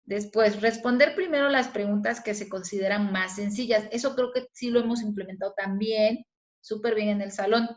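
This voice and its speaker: A woman's voice: medium pitch, normal speed, lo-fi sound. A woman teacher with a Mexican accent giving a recorded video lesson, explaining step by step and often checking in with her pupils. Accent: Mexican Spanish. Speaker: schoolteacher.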